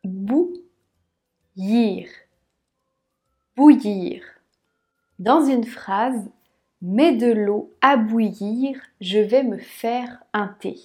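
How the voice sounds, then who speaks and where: A woman teaching French pronunciation, repeating words slowly syllable by syllable. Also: fairly high pitch, dark tone. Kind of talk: slow, careful pronunciation lesson.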